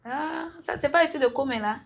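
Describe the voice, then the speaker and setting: A woman, an entrepreneur being interviewed, talking emphatically and now and then calling out loudly to her listeners. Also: sits high, brisk, a little hiss or hum. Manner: emphatic, breaks into loud calls to listeners; laughs between remarks. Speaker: entrepreneur guest. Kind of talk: casual interview chat.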